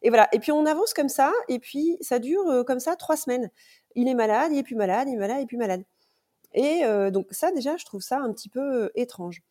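A woman's voice: sits high, animated, fairly quick, mellow. A woman in her thirties, a mother recounting events as a podcast guest, in a hesitant way with many fillers and restarts. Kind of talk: casual storytelling interview.

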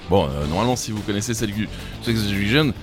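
A man's voice: on the low side, lively intonation, quick pace, music in the background. A French man co-hosting a quiz podcast, asking questions and giving synopses in a playful, laughing way. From France. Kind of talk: casual quiz banter.

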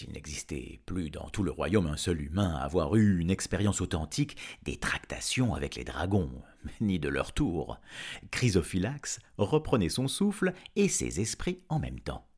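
Deep-voiced man narrating a storybook. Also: measured pace, breathy edge. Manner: expressive, lively storytelling. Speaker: audiobook reader.

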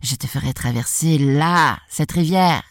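A woman voicing a sly, cunning male fox who speaks in a smooth, coaxing way. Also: fairly high pitch, a little slow, no room sound, clean studio sound, close to an everyday voice.

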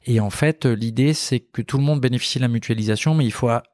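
A man's voice: medium pitch, fast, a little mellow, no room sound. A man in his forties, a company founder, talking casually in an interview, with many fillers and restarts. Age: 40s.

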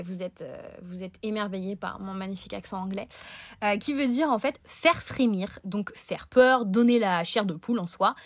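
A woman's voice: on the high side, no room sound, clean studio sound. A woman presenting a scripted book podcast chronicle, breaking it up with playful, self-mocking asides.

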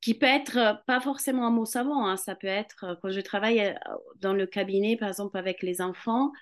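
A woman whose first language is Italian speaks a little fast in a mid-range voice. She is a Pilates and Rolfing practitioner appearing as a guest in a conversational interview, hesitant and searching for words, with many fillers and restarts.

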